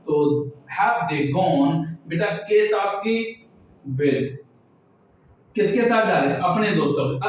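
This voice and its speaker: Male tutor, raised pitch, patient question-and-answer delivery, captured from a distance on a dull lo-fi recording. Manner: slow explaining, quizzes students and answers himself. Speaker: teacher. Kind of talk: classroom grammar lesson. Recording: echoey room, far from the mic, dull lo-fi sound.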